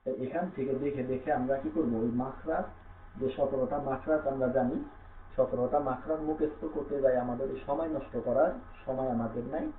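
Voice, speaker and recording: A man teaching a Quran reading class, slowly spelling out each letter and repeating it patiently, with a Bangladeshi Bengali accent. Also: medium pitch, fairly even intonation. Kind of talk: slow classroom-style lesson, spelling out letters. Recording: tinny phone-like sound in an echoey room with faint hum.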